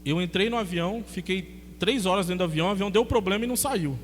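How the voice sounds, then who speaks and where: A Brazilian man preaching as a pastor, telling a personal story in a chatty, animated way and acting out the dialogue. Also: high-pitched, quick pace, big-room sound, a little hiss or hum. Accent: Brazilian Portuguese. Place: church.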